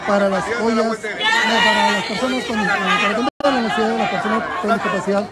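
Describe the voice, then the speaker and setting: A man's voice: sits high, fairly even intonation, fast talker. A man from Peru reporting live from an outdoor street protest with many fillers and restarts, holding a phone mic. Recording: loud crowd and street noise.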